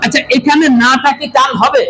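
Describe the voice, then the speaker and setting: High-voiced man drilling a loud class. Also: little pitch movement, brisk, over a noisy crowd, low-quality recording. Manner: loud, drilling questions at the class, often calling out. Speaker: Quran teacher. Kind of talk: classroom lesson.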